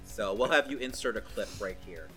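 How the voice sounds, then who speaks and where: A podcast co-host in his forties debates films over music in a lowish, expressive voice at a fairly quick pace. He's casual, blunt and teasing, and swears now and then.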